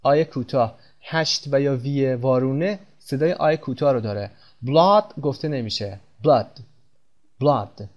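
A man's voice: mid-range voice, highs cut off. Patient male teacher drilling English pronunciation. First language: Persian. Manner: slow, repeating and stressing example words. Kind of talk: pronunciation lesson.

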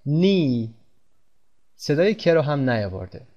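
A man teaching English pronunciation in Persian, speaking slowly and repeating example words with stress. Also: mid-range voice, animated, a little mellow, lo-fi sound. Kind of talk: pronunciation lesson.

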